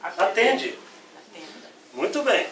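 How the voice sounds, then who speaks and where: A male pastor, preaching a lively sermon and acting out Bible quotes. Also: high-pitched, drawn-out words, slight background noise. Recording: echoey room, voice from far off.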